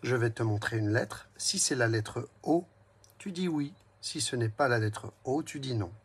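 A man gives a slow, carefully spelled-out reading lesson to young children, repeating every word twice and splitting it into syllables. He speaks gently and directly to the child in a mid-range, expressive voice with a breathy edge and a measured pace.

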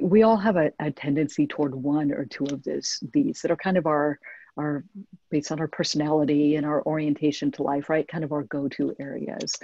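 A woman's voice: low voice, dark tone, slightly rough, no echo. A woman author speaking thoughtfully on a webinar video call, hesitant with many restarts. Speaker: author guest. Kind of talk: reflective webinar conversation. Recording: muffled video call audio.

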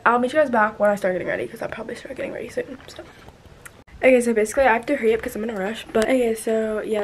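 A girl of about 13 chats casually to the camera for her daily vlog in a voice on the high side, rambling and often trailing off with "but yeah." She films in her bedroom at home and sometimes inside a car, holding the camera at arm's length. The handheld audio is clear, with background noise.

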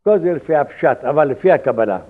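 Old rabbi on a tinny line. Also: male voice, a little high, lively intonation. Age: older. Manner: halting, repeats words, acts out quoted dialogue. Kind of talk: religious law lesson with anecdotes. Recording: tinny phone-like lo-fi recording.

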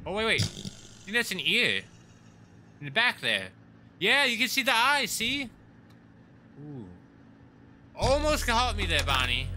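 Excitable man narrating a horror game. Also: medium pitch, background noise. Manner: excitable, swears when startled, talks to the game characters. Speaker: let's play host. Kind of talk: horror gameplay commentary.

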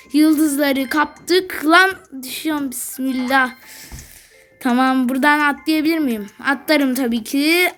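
A woman giving casual, excitable commentary while playing a video game, talking back to the game and swearing playfully. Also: high voice. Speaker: gaming channel host.

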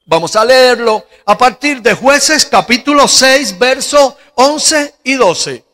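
A middle-aged pastor from Cuba preaches a sermon in a very high, bright voice with lively intonation, moving at a slow, measured pace in a Cuban Spanish accent. Holding a handheld mic, he relies on rhetorical questions, while the large church hall gives a long reverb.

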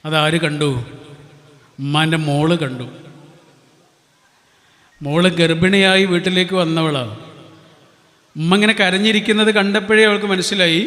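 A man's voice: high voice, steady tone, a little slow, pauses often, bright, forceful tone. A man giving an earnest storytelling talk and asking his listeners questions. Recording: long hall reverb.

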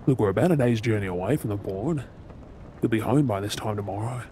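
An Australian ASMR role-play performer voices a gruff, menacing pirate captain who is secretly soft-hearted, in a dramatic audio piece set against ship ambience and other sound effects. His lowish, warm, natural voice moves at a normal speed, sounding sardonic and threatening with a commanding, swaggering edge.

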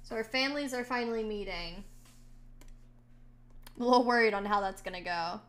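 Casting: woman live streamer, high voice, chatty, answers viewers' chat with lots of fillers. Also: fairly quick, a bit bright. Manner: frequent fillers and restarts.

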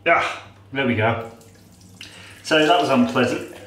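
A chatty, nasal man, a vlogger, does a casual how-to demo in a small tiled bathroom with running tap water and an echoey sound. His mid-range voice is fairly bright and measured in pace, and he's self-mocking with rambling asides. A little hiss or hum sits under the recording.

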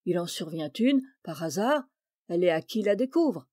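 A formal, lecturing male commissioner in a storybook reading, as a woman puts him on, measured and authoritative. Her tone is mellow and the sound dry and close. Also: lowish voice, animated, no room sound. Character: stern middle-aged male maritime commissioner.

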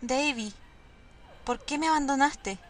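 A woman's voice: sits high, unhurried, dry recording, faint music behind, pitched above the performer's own voice. A woman reading aloud the lines of a bitter, wounded ghostly mother, in a plain reading voice. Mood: reproachful. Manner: reads dialogue boxes aloud, plainly.

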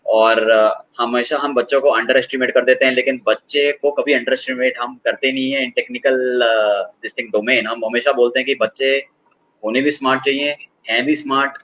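Guy explaining stuff in an interview, lots of uh pauses, kinda muffled audio. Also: mid-range voice, fairly even intonation, fairly bright tone, slight background noise. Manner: hesitant, many filler pauses. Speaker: guest expert.

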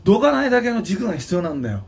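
Racing along in a high, sing-song voice with vocal fry, this channel host and drummer from Nagano scolds bluntly and throws in mocking asides. The mic sits at a distance.

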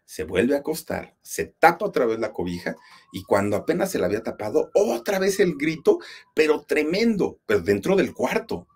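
A man's voice: medium pitch, sing-song, normal speed, husky. A man with a Mexican accent telling a spooky story, speaking straight to his listeners and building suspense. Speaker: horror storyteller, channel host. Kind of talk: dramatic spoken storytelling.

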